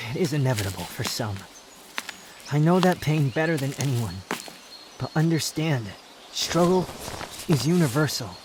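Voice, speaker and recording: A man playing an aloof, brooding young male wanderer, haughty yet tender, in a measured, pensive roleplay ASMR monologue. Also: medium pitch, noisy background, natural voice. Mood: firm encouragement. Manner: measured, pensive, dramatic pauses.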